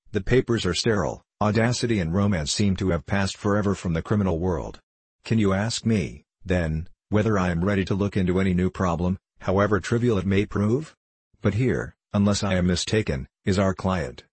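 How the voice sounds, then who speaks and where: Brief: man reading a sharp detective, deep husky voice, precise and lecturing. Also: normal speed, no echo. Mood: lofty. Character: sharp, bored male detective, lofty and precise.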